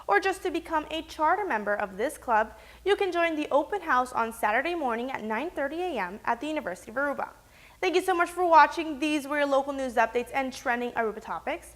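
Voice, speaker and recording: A woman's voice: high voice, a bit bright. A woman hosting a local TV news segment, reading scripted narration. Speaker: TV news host and reporter.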